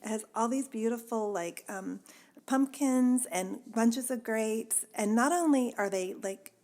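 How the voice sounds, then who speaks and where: A woman's voice: on the high side, measured pace, a little mellow. Chatty woman podcast host. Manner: chatty, laughs often, many fillers. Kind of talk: casual chat.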